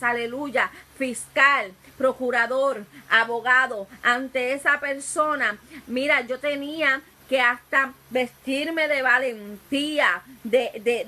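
A woman's voice: high-pitched, bright, forceful tone, poor audio. A woman evangelist, preaching a fervent testimony sermon full of hallelujahs.

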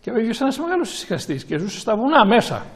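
Greek priest's high, gravelly sermon voice. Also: male voice, big pitch swings. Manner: slow, halting delivery with many restarts and repeats. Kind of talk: sermon with a question time.

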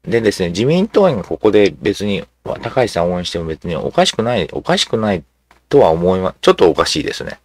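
A man giving casual commentary as he reads social media replies aloud, musing and halting, with many fillers and asides. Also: low voice, sing-song, a little mellow, no echo.

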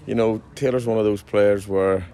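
Outdoors at a ground after a night match, a forties-aged football manager chats in a mellow, lowish voice at normal speed and a steady tone. His talk is full of restarts and fillers.

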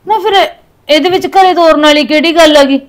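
A woman's voice: sits high, a little fast, natural voice. A young woman playing a hurt wife in a short film, talking in a plaintive, complaining way. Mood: aggrieved. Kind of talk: Punjabi short film acting.

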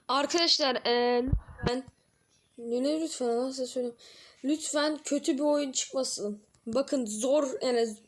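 A young woman with a high voice talks her way through a horror game as a let's-play commentator. She is jumpy and excitable, cursing at scares, then sinking into low mutters while she plays. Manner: jumpy and excitable, swearing, drops to low mutters between outbursts. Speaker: gaming channel host.

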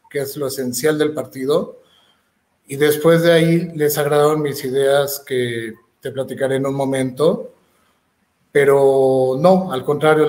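A man with a Mexican accent, a political candidate answering interview questions earnestly, pausing with fillers and restarts. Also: fairly high pitch, darkish tone, roomy sound.

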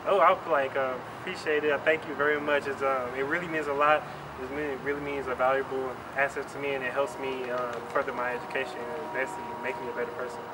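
A man's voice: medium pitch, little pitch movement, quick pace. A young man from Milwaukee, a student answering interview questions outdoors, hesitant with many fillers. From Milwaukee, Wisconsin. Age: young adult. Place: outdoors by a brick building. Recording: distant mic with traffic noise.

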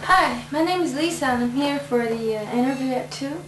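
A woman's voice: high-pitched, brisk, lightly acted. An actress playing a young woman from Taiwan applying for an office job, speaking in a careful, level way; heard from a distance in an echoey room with background noise. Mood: polite. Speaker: job applicant. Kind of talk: low-budget film acting. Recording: echoey room, mic far off, noisy.

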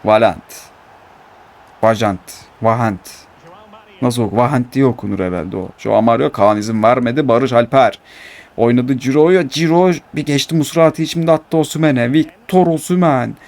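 A gaming YouTuber commentates on his own football video game match, alternating between calm narration and excited, complaining outbursts. His voice is medium-pitched and a little fast.

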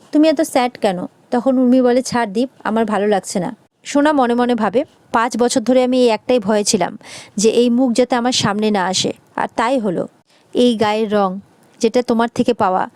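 A woman quickly retelling a TV serial episode in casual speech, briefly raising her pitch when she quotes the characters. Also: darkish tone, no echo. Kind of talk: fast casual episode recap, reading out dialogue.

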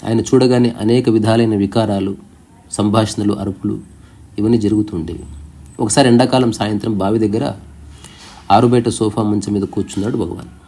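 A man narrating a spiritual story, reading it aloud in a calm, reflective way and slipping English words into his sentences. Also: on the low side, normal speed, long pauses.

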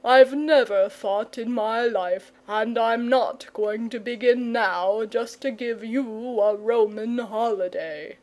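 A woman voicing a lazy, gentle old male dragon who drawls his words slowly and mildly. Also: on the high side, low-quality recording. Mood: drawling. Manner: slow, drawling, mild.

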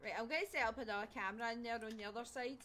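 A woman's voice: fairly high pitch, fairly even intonation, racing, bright, forceful tone, a little hiss or hum. A woman streaming a ghost-hunting game, chatting casually and shrieking and laughing when startled. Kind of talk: casual gaming chat.

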